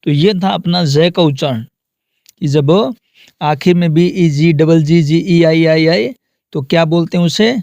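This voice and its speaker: Male teacher, slightly high voice, deliberate pace, drills words one by one and answers his own questions. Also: creaky, a little mellow, muffled recording. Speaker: English teacher. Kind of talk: classroom lesson on pronunciation.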